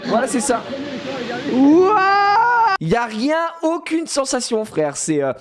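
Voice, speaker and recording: Male streamer in his thirties, loose slangy storyteller, lively voice that leaps up and down. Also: very high voice, normal speed, very noisy. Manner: rambling, many fillers and restarts, slangy. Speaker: streamer recounting a theme park outing. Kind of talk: casual live-stream storytelling.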